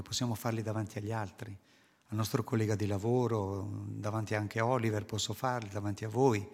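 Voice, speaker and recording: A man's voice: lowish voice, breathy edge. A man preaching a sermon to a congregation, explaining scripture earnestly and posing rhetorical questions. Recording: long hall reverb.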